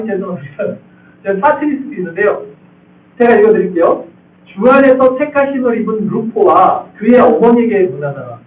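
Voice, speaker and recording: A male pastor delivers an expository sermon in a church sanctuary, talking with his congregation and checking they follow along. His very high voice moves a lot. He sounds far from the mic, and the thin, tinny sound echoes through the large hall.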